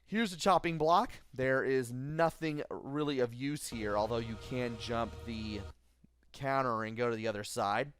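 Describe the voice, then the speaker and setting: A tired man giving low-key gameplay commentary late at night, thinking aloud as he plays. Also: a little slow, a bit bright. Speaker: let's play host. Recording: faint game music behind.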